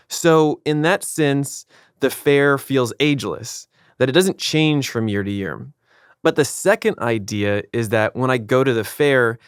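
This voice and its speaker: A man narrating a podcast episode in a measured, reflective scripted style. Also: mid-range voice, clean tone, no room sound, clean studio sound.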